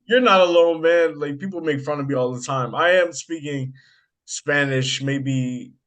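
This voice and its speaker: A young American man hosting a casual chat, telling animated stories and swearing freely. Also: fairly high pitch, unhurried. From United States. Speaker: podcast host.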